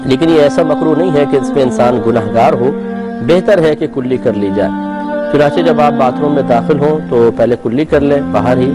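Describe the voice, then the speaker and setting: Man teaching religious rules, steady and measured. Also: medium pitch. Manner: measured explanatory teaching with fillers. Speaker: mufti hosting a call-in program. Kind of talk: religious instruction on a call-in show.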